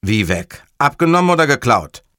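A man voicing a grumpy, short-tempered male police commissioner who speaks bluntly and gruffly. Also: mid-range voice, very animated, moderate pace, sharp tone, no room sound, studio quality. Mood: irritated gruff.

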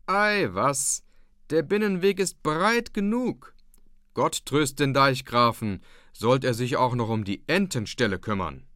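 Male reader doing a bear-voiced old dike reeve, blustery and loud, raised pitch, lively, dry sound. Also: measured pace, no echo. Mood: jovial. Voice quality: booming bear-like voice. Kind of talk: audiobook reading.

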